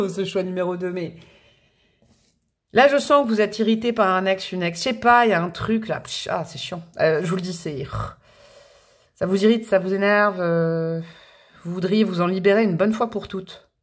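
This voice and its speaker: A woman giving a casual, chatty tarot reading to her viewers, expressive and laughing often between her thoughts. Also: mid-range voice, moderate pace. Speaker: tarot card reader.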